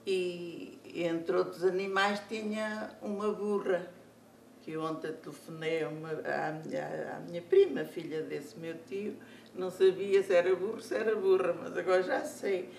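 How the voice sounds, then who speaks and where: An older speaker with a European Portuguese accent, slowly recalling family memories with many restarts. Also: mid-range voice, flat delivery, vocal fry, darkish tone, slight background noise. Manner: slow, halting recollection with many restarts. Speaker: senior storyteller. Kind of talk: life story told aloud. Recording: echoey room, speaker far from mic.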